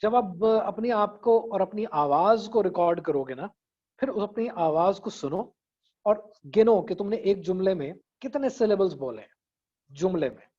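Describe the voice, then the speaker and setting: This online class lecture on public speaking comes from a man with a high-pitched, animated, darkish voice and a measured pace, over a lo-fi video call. He chats with his students, mixing in English phrases and regularly asking "theek hai" to check in.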